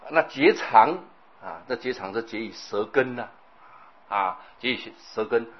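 A husky-voiced man delivers a Buddhist sermon. He tells stories with animation and acts out the scenes. The recording sounds dull and lo-fi. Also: mid-range voice, a little slow. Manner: animated storytelling, acts out scenes, keeps asking the audience "right?". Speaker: Buddhist preacher.

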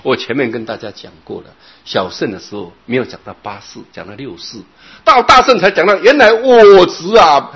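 A man's voice: fairly high pitch, moderate pace, a bit bright. A man teaching a Buddhist dharma talk, expounding at length, drawing out his particles and repeating phrases. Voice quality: husky. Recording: dull lo-fi recording.

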